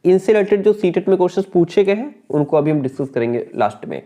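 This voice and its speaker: High-voiced male teacher, questioning drills. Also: lively intonation, fast, warm tone, muffled recording. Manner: asks questions and answers them himself, repeats key points. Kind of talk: exam-prep grammar lesson.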